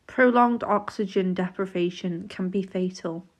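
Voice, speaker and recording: In the manner of a public information film, a woman with a mid-range voice reads scripted educational narration. She sounds measured, formal and explanatory.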